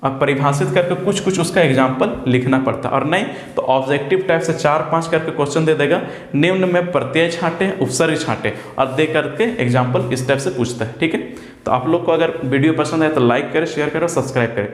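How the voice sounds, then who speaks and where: Young male tutor, a little higher-pitched, quizzes himself, reverberant room. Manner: asks questions and answers them himself, drawn-out example words. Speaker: exam-prep teacher. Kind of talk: casual explanatory lesson. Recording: echoey room with long reverb.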